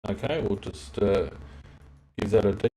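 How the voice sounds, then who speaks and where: A man's voice: fairly low pitch, normal speed, dark tone, slightly rough. A man co-hosting a football chat over a remote call, his voice breaking up into crackly, robotic stream audio as he checks whether the connection sounds better. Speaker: podcast co-host.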